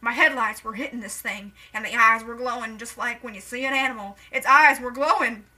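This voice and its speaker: A woman voicing a spooked teenage boy, retelling his encounter loudly and emphatically in a put-on accent. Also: a little high, fairly quick, poor audio. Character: male teenage witness retelling a scary encounter.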